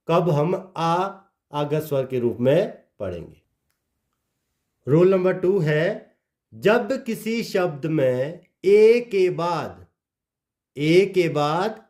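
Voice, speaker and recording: The speaker is a man with a fairly high pitch and a darkish tone. He teaches English pronunciation in a slow phonics lesson, sounding out the spelling of words letter by letter and dropping his voice as phrases end.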